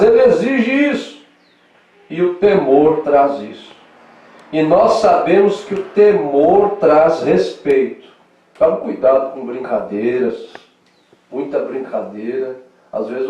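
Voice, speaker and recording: A man with a southern Brazilian accent preaching in Sunday school, animated, swinging between loud emphasis and soft asides. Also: a little high, takes it slowly, distant mic. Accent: southern Brazilian Portuguese. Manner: acts out quoted dialogue in lively voices. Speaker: pastor. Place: church hall. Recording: echoey church hall, mic from afar.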